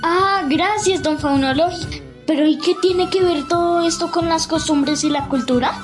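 A woman's voice: very high voice, normal speed, music in the background. A woman voicing a curious, polite child pupil in a children's story.

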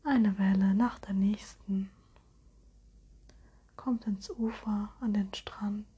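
A woman guiding a relaxation hypnosis in a soft, soothing, airy spa whisper with gentle suggestions. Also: medium pitch, steady tone, slow, slightly rough, dull audio. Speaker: hypnosis guide.

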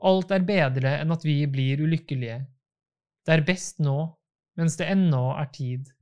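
A man's voice: a little high, a little mellow, muffled recording, close to an everyday voice. A man reading the part of a troubled young groom full of self-doubt, in a despairing, pleading tone.

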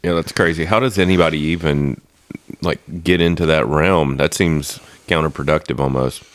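A man with an extremely low, deep voice co-hosts a casual podcast. He asks questions and drops dry, sarcastic remarks. The sound is dry, with no room echo. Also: normal speed. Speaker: podcast co-host.

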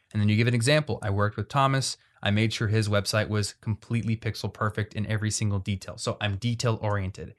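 A man co-hosting a podcast, chatting casually and quickly, reading listener questions aloud. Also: on the low side. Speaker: podcast co-host.

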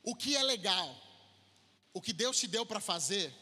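A man with a Brazilian Portuguese accent preaching a sermon, emphatic and animated, acting out quotes in a raised voice. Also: high voice, unhurried. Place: church hall. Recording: long reverb of a church hall.

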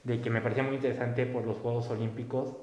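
A man's voice: mid-range voice, little pitch movement, fast, darkish tone. A young man hosting a casual interview, asking chatty, rambling questions. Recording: roomy echo.

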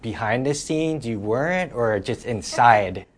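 A woman interviewing a guest, calmly guiding the talk and summing up what she hears. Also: very deep voice, a little slow. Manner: calm, guiding, summarizing the guest's words. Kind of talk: interview questions.

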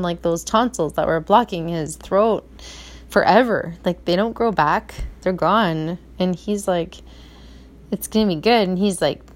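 A woman's voice: mid-range voice, darkish tone. A middle-aged woman in casual chat about her family, rambling with lots of "like" fillers. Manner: rambling, chatty, full of "like" fillers. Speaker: mom vlogger.

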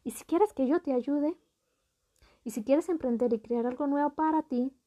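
A woman's voice: high-pitched, normal speed, mellow. A woman hosting a motivational podcast, talking straight to the listener as a friend and repeating phrases for emphasis. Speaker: podcast host.

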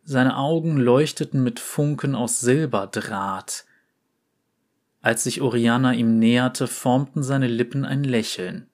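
Calm man reading a storybook. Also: medium pitch, measured pace. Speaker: narrator.

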